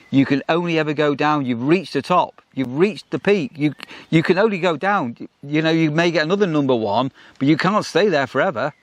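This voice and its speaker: A man's voice: mid-range voice, no echo. A middle-aged man co-hosting a vlog in casual chat, rambling and restarting with lots of ums. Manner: rambling, repeats himself, many ums and restarts. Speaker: vlog co-host.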